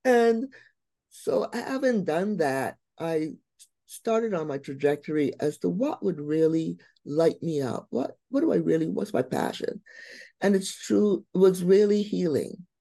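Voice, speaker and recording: Mellow older woman telling stories. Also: on the low side, measured pace, no room sound. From Barbados. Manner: warm, lively, humorous storyteller. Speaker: guest, brain and behavior coach. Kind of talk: storytelling in a radio interview.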